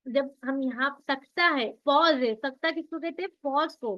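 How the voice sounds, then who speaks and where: The voice is high and a bit bright, moving at a moderate pace, as a woman teaches Quran recitation rules in an online class. She explains with patience, posing questions and answering them herself, on a dull lo-fi recording.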